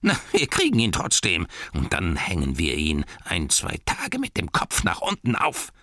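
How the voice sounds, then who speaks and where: A man voicing spiteful giant forest spiders that taunt in a shrill, swooping way. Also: huge pitch swings, unhurried, bright, forceful tone, no echo, studio quality, full character voice. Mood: menacing taunts.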